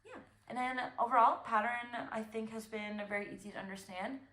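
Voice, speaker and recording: A woman's voice: a little high, a little fast, bright, forceful tone, echoey room. A young woman hosting a knitting podcast, chatting casually and rambling with fillers and restarts. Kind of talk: casual chat.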